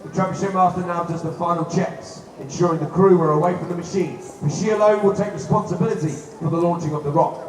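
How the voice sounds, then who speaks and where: A man presents a live show with theatrical emphasis. He projects to a crowd like a showman, heard from a distance with echo and clear outdoor noise around him. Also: sits high, fairly even intonation, quick pace, hardly any pauses, darkish tone. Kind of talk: theatrical live demonstration commentary. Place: outdoors at castle grounds before a crowd.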